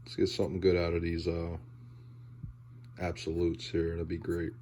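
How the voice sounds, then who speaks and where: A man giving casual, laid-back commentary as he opens card packs, halting and trailing off, with audible heavy breathing. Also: low voice, completely flat delivery, background noise. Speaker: host of a sports card pack-opening video.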